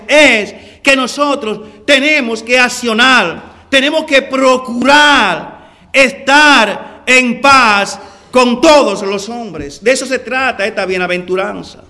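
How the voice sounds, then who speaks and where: A man preaching a sermon, addressing listeners as brother, stretching out key words for emphasis and letting phrases sink low at the ends. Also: pushed and bright. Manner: preaching with slow drawn-out emphasis and sinking phrase endings.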